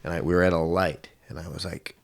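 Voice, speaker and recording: A man with a very low, deep voice tells a story as a guest on a podcast. He is a middle-aged coach from Washington state. He slips into other people's lines with sudden jumps in pitch. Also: fast, creaky. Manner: animated storyteller, acts out quotes with big pitch jumps. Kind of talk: casual storytelling interview.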